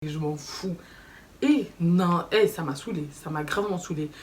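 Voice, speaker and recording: A young woman telling a story in a casual vlog, animated and slangy, acting out quoted dialogue. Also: fairly low pitch, moderate pace. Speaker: vlogger. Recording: slightly distant mic with faint background noise.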